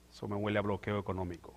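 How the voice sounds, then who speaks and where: A male pastor preaching a sermon, moving from quiet asides to loud, drawn-out proclamation. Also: fairly low pitch. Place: church sanctuary. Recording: church hall with long reverb.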